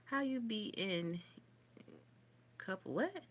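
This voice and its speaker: A woman's voice: mid-range voice, big pitch swings, extremely slow. A young woman, chatting casually on a makeup livestream and answering viewer comments as she goes. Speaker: beauty vlogger doing a livestream. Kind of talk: casual livestream chat while doing makeup. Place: home, indoors.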